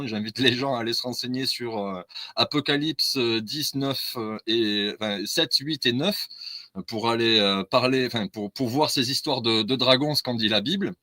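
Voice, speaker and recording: A man's voice: medium pitch, pushed and bright, dry recording. A man, a guest in a casual discussion, explaining his views earnestly and at length.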